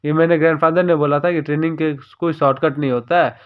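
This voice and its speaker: A man voicing a cheerful male martial arts trainer who teases his students, in a quick storytelling recap. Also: on the high side, steady tone, narrow, tinny audio, lightly acted. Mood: teasing.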